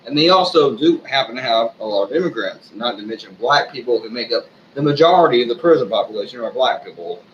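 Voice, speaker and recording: A drunk man giving a rambling, off-the-cuff rant to his viewers, swearing often, halting and losing his thread. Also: medium pitch, lively intonation, dull audio, a little hiss or hum. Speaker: online ranter, video host.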